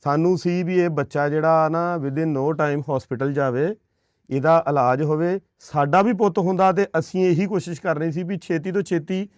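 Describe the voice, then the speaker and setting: A charity worker, a man with a fairly high, steady, somewhat dark voice, speaks at normal speed in a recording with no echo. Handing aid money to a family on camera, he talks earnestly in a reassuring, preachy way, often checking in with short questions.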